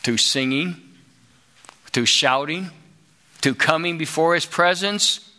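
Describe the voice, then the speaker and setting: A middle-aged man preaching a sermon, slow and emphatic, rising to loud exclamations. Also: on the high side.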